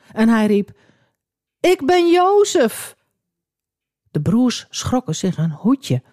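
A woman telling a Bible story to children in a gentle, expressive way. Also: fairly low pitch, dry recording, studio quality.

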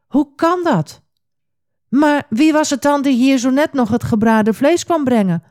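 A woman's voice: medium pitch, lively intonation, a little slow, mellow, natural voice. A woman voicing an old father who trembles with shock and regret in a storybook reading. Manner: trembling, startled.

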